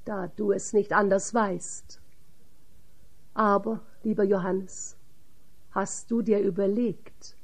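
A woman reading the part of Jesus as a calm, solemn teacher in a measured audiobook voice. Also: mid-range voice.

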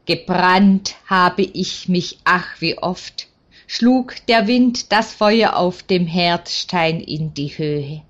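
A worn, practical innkeeper woman from an old village tale, voiced by a woman reading aloud. She sounds plaintive, in a low, slow voice. The recording is dull and a little muffled. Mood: defensive.

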